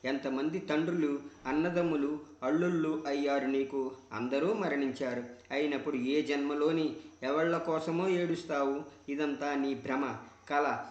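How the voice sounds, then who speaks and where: A man voicing a kindly old male sage who calmly consoles a grieving woman, in a roomy, dull recording. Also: fairly high pitch, a little slow, lightly acted. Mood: consoling.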